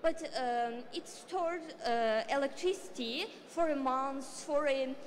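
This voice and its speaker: A woman with an Azerbaijani accent answering questions about her startup pitch, in halting, repetitive, non-fluent English. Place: large event hall. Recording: reverberant hall, faint background noise.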